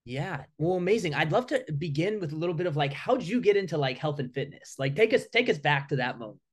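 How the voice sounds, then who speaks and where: A male podcast host with a somewhat high voice for a man. He asks questions eagerly, upbeat and chatty, peppering his speech with "like." Loose and conversational. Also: expressive, quick pace, slightly rough. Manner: upbeat, enthusiastic, filler "like". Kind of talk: casual interview chat.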